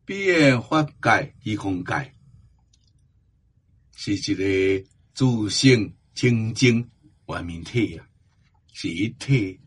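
A man giving a Buddhist Dharma talk, slow and emphatic, drawing out the ends of his phrases. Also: lowish voice, expressive, slightly rough. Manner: slow, emphatic exhortation with drawn-out endings. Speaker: Buddhist teacher.

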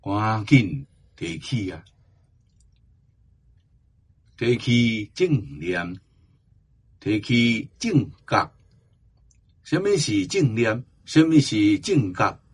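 A man giving a Buddhist Dharma talk, slow and emphatic, drawing out the ends of his phrases. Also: fairly low pitch, very animated, slightly rough. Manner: slow, emphatic exhortation with drawn-out endings. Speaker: Buddhist teacher.

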